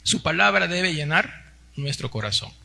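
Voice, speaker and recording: Speaking at a normal speed, this Peruvian pastor in his forties has a slightly high voice with lively intonation and vocal fry, sounding pushed and bright. During his Sunday sermon in Peruvian Spanish, he calls the congregation brothers and often tags his sentences with questions.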